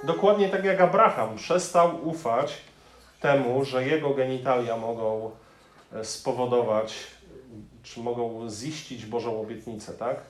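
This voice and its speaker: A man preaching a sermon, lively and emphatic, often addressing the listeners directly. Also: medium pitch, unhurried. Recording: echoey room, faint noise.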